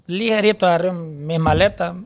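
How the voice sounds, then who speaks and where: A man's voice: high voice, moderate pace. A man with a Honduran accent, a goalkeeper guest giving short, joking answers in a casual interview.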